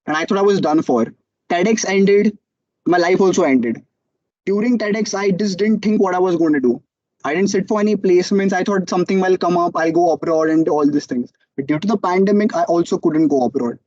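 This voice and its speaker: A young man with an Indian English accent telling his startup story as a motivational talk, animated and acting out quotes. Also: sits high, a little fast, no echo, dull audio. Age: young adult. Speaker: student entrepreneur speaker.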